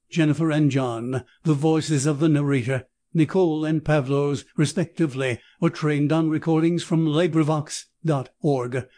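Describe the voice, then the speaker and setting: A man's synthetic text-to-speech voice reading scripted audiobook narration in an even, measured way. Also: a little high, no room sound.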